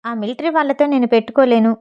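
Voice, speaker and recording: A woman's voice: a little high, fast talker, clean tone, dull audio, natural voice. A woman voicing a sneering male hired thug who talks in a mocking, irritated way over the phone.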